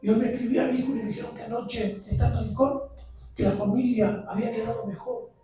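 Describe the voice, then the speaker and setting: A visiting preacher, a man, giving an impassioned sermon that builds to shouts. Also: very high voice, steady tone, fast talker, far from the mic, faint music behind. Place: church sanctuary. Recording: very echoey church, heard from afar.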